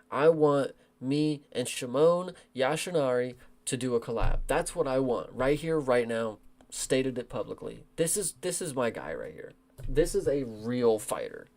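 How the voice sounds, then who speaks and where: A young man streaming, reacting to fight results in a frustrated, profane, animated rant with lots of slang. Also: medium pitch, moderate pace. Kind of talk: casual livestream reaction.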